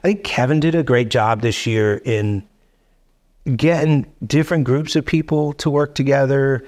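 A man's voice: mid-range voice, moderate pace, a little mellow. A middle-aged man as a guest on a casual podcast interview, reflective and repeating words as he thinks, speaking into a desk mic in a wood-paneled studio. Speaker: guest, show co-creator. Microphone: boom mic on desk stand.

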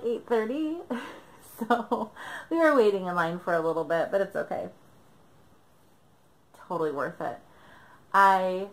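A woman's voice: medium pitch, fairly bright tone, rough recording. A young woman chatting to camera at home, recapping a trip, chatty with frequent laughs and fillers. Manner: chatty, laughs often, many ums. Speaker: knitting vlogger. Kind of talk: casual chat to camera. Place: bedroom, indoors.

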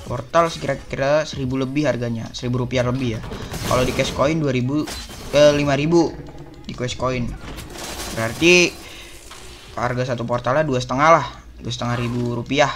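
A man's voice: mid-range voice, steady tone, moderate pace, fairly bright tone, slight background noise. Slangy young man giving game tips. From Indonesia. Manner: slangy, chummy, addresses viewers as bos and coy. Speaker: gaming YouTuber. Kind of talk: casual gameplay tips commentary.

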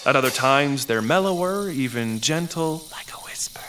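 An eccentric, outdated computer with a bubbly, jokey manner, his fairly high voice bouncing up and down as he talks. He sounds a little set back from the mic, with music playing underneath. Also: very animated, moderate pace. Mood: cheerful. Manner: bubbly, jokey, laughs at own puns. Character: eccentric outdated male computer, chatty and goofy. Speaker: instrument selection guide. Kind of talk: scripted educational character. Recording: distant voice over music.

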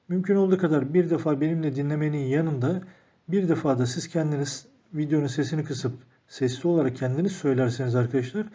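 A man teaching an English lesson, reading each phrase out and then explaining it calmly to the viewers he calls friends. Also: a little high. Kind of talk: recorded language lesson. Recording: dull lo-fi recording.

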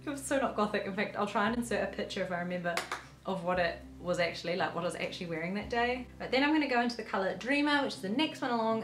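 A young woman chatting casually through a makeup tutorial, rambling with lots of filler words, her throat a little croaky. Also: medium pitch, a bit bright. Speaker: beauty vlogger. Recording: roomy echo with faint music.

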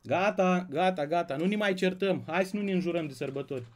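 A man's voice: high-pitched, darkish tone. A man from Romania hosting a casual live stream, greeting viewers by name and bantering with the chat. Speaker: slots streamer.

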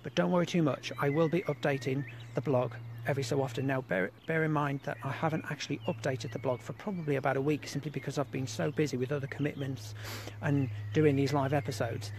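A man's voice: medium pitch, steady tone, quick pace, few pauses, darkish tone, a little hiss or hum, low-quality recording. A man hosting a live outdoor broadcast, talking casually and rambling with restarts and repeated fillers. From England. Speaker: host of a live exploring broadcast. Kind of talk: casual live-stream monologue. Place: outdoors at an abandoned rail site.

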